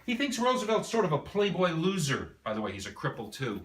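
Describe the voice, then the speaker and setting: Speaking fairly quickly in a higher voice with huge pitch swings, a middle-aged man shows off his library and tells a visitor the story behind a piece in his collection, performing the quoted lines.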